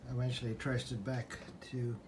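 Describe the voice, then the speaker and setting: Speaking in a flat, medium-pitched voice at normal speed, a hobbyist restorer talks through a repair at his workbench, informal and unscripted, hesitating as he thinks aloud. He's indoors at a desk in a room. The clip comes from a handheld phone or camera held behind the lens, and faint background noise can be heard.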